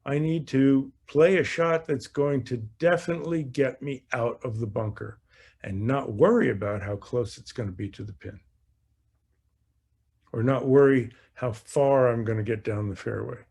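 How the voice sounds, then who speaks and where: A golf coach hosting an online Q&A gives conversational instruction, answering live questions and often repeating phrases as he goes. His mid-range male voice is creaky, husky and a little mellow, moving at a moderate pace.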